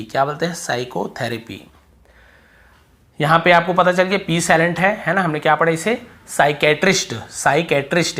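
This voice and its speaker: Male teacher with a Hindi accent, patient drilling delivery, repeats example words slowly. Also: on the high side, a bit bright. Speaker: English pronunciation teacher. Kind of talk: explaining silent-letter rules.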